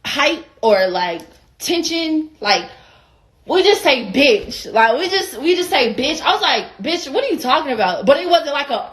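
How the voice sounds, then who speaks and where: A young woman from Atlanta, speaking with its accent, rants through a casual storytime. She curses freely and voices both people in the argument herself, her voice sitting a little high. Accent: Atlanta Southern American. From Atlanta, USA. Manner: animated, profane, acts out both sides of the argument. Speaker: vlogger.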